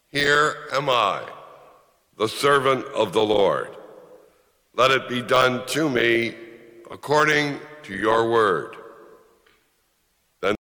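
A priest reading the gospel and giving a homily in a slow, measured way, his voice carrying a long church echo. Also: mid-range voice, sharp tone.

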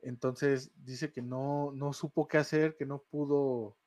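A man's voice: mid-range voice, little pitch movement, slow pace, a little mellow, no echo. A man with a Mexican Spanish accent, co-hosting a casual podcast chat and telling a ghost story with slang and laughter. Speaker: podcast co-host.

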